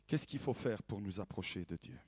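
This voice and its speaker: A male pastor preaching a sermon in an animated way, swinging from hushed to loud and asking rhetorical questions. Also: on the low side, moderate pace, husky, dry recording.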